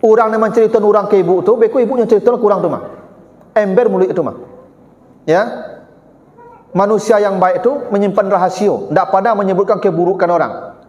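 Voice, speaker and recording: A high-pitched man with a Minangkabau accent gives a chatty, teasing sermon. He acts out little everyday exchanges to make his points. His voice rings through a mosque hall with a long, roomy reverb. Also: a little fast, pauses often, darkish tone, highs cut off. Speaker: preacher.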